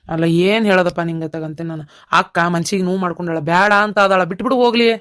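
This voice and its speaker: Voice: medium pitch, fast talker, fairly bright tone, clear, resonant tone, no echo, clean studio sound, natural voice. A performer voicing a village uncle with a North Karnataka accent, trying to talk his nephew out of joining the army in a cartoon. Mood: coaxing. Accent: North Karnataka Kannada. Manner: coaxing, reasoning. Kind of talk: cartoon voice acting.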